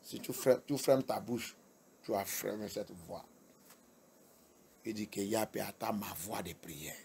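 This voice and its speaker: A male pastor preaching a sermon with emphatic delivery, repeating key phrases and swinging from soft to loud. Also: lowish voice, measured pace, vocal fry, slight background noise.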